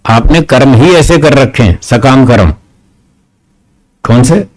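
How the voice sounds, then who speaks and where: This man, is a spiritual teacher answering questions in a question-and-answer session. His voice sits in an ordinary middle pitch. He lays out arguments step by step, often asking rhetorical questions. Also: animated, slow pace, rough recording. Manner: patient, explains step by step, asks rhetorical questions; firm with questioners.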